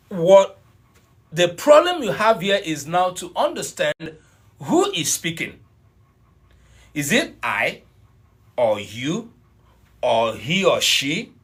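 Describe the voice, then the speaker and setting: Speaking a little high with a somewhat bright tone, a middle-aged man runs an online language class live. He greets students by name and patiently explains things, repeating them as he goes.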